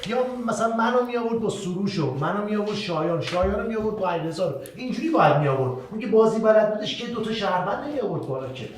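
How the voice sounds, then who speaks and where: A man's voice: sits high, expressive, hardly any pauses. A man playing a mafia game who argues his case insistently and pleads for the others' votes. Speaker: game player. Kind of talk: arguing in a social deduction game. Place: game cafe room. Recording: distant mic, echoey room, noise.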